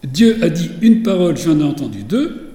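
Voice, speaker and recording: High-voiced man lecturing in an echoey hall. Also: very animated, normal speed, warm tone. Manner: digressive, many fillers and restarts.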